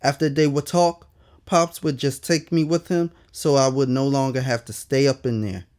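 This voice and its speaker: A man reads his own autobiography as an audiobook, telling it in a candid, colloquial way with emphatic asides. His mid-range voice has fairly even intonation, a normal speed and a darkish tone.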